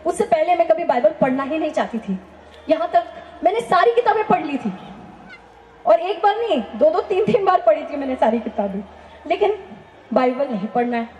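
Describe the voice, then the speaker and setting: A woman's voice: high voice, expressive, normal speed, a little mellow, slight background noise. A woman giving a personal testimony in a church talk, telling her story earnestly and asking the listeners rhetorical questions. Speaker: testimony speaker. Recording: echoey, dull lo-fi hall recording.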